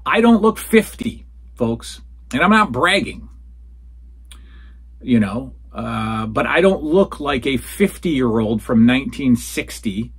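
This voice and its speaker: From his home den of retro toys and posters, a forty-something podcast host takes listener questions, addressing them as folks. He has a medium pitch with big swings and a breathy edge, rambling casually at an unhurried pace.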